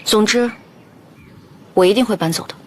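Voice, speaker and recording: An actress playing a spirited young woman roommate who talks in an indignant, lively way. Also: mid-range voice, normal speed, slight background noise, natural voice.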